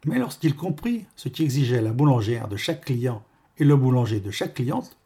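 A male narrator reads a novel aloud with a wry, measured delivery. His voice is husky and of middling pitch. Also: big pitch swings, dark tone. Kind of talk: audiobook reading.

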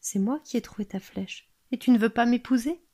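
Woman doing a soft little frog princess. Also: on the high side, brisk, lightly acted. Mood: pleading. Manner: soft and tender. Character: small gentle female frog princess.

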